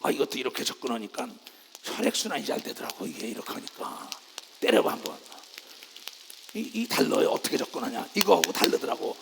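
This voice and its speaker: Man preaching, very high lively pitch, gravelly, shouts then murmurs, long hall reverb. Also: a little fast, background noise. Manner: swings between loud shouting and low murmurs; calls on the congregation to clap and raise hands. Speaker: pastor. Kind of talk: sermon.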